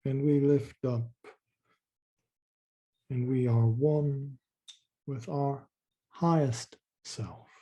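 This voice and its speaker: Speaking gently and unhurriedly, a man leads a calming guided meditation full of long pauses and repetition. His voice sits in the mid-range.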